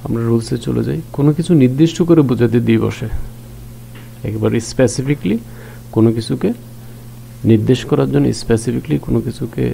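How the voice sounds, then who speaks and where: A man teaching a grammar lesson. He explains each rule step by step, asks questions and answers them himself, and reads example sentences out slowly. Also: mid-range voice, creaky, warm tone, a little hiss or hum, poor audio. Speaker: English teacher.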